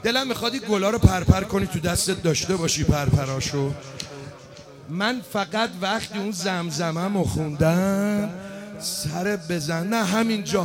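Man chanting a loud mourning sermon. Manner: shifts between low chanted lament and loud shouting. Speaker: mourning eulogist. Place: religious mourning gathering with a crowd.

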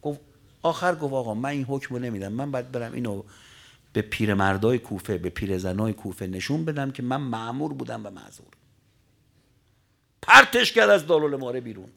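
A man preaching an emotional religious sermon, telling a story with sudden surges of pitch and volume that fall back to a low murmur. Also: lively intonation, vocal fry. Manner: dramatic storyteller, voice surging high and loud then dropping low.

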